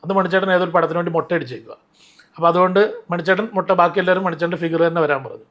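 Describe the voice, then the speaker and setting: A man telling stories in an interview, animated and rambling, often restarting his sentences. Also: sits high, very fast. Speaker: interview guest, mimicry artist. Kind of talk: casual interview storytelling.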